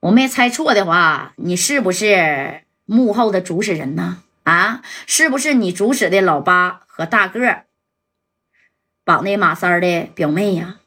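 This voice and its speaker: A woman voicing a cool-headed male gang leader who speaks calmly and threatens coldly. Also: lowish voice, unhurried, breathy edge, full character voice. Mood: probing.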